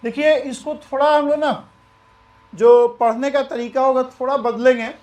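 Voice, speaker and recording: A man teaching maths in a relaxed, chatty way, mixing Hindi and English and repeating himself. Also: extremely high pitch, a little slow, echoey room. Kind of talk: lecture.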